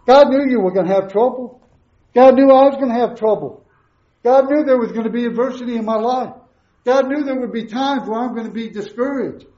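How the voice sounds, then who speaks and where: This middle-aged preacher's voice is very high-pitched and a little fast, heard through a face mask as he addresses a congregation. His sermon is emphatic, built on repeated questions and brief answers, with a roomy echo and somewhat muffled audio.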